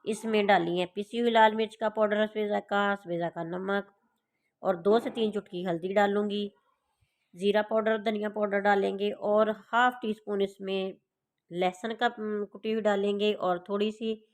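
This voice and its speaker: A Pakistani woman who hosts a home cooking channel walks her viewers through a recipe step by step, speaking casually and directly to them. She has a sore throat, and her medium-pitched voice keeps a fairly even intonation at a moderate pace.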